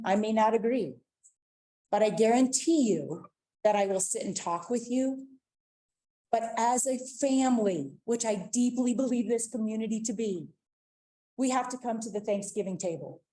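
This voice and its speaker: A woman's voice: mid-range voice, dark tone. A woman giving an earnest, pleading public comment at a school board meeting, repeating her appeals. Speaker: public commenter, district administrator and parent.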